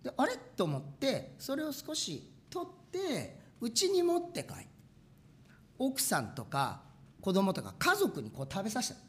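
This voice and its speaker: Animated preacher voicing machine sound effects. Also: mid-range voice, a little slow. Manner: animated, acts out machine noises with sound words. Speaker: pastor. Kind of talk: sermon storytelling.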